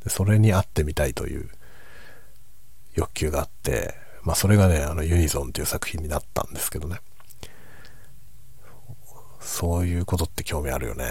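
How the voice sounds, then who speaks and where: Hushed, husky, very low-pitched man. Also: no room sound. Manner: reflective, musing, unhurried soft-spoken delivery. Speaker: host of a late-night chat for falling asleep. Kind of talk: hushed, low-voiced casual late-night chat.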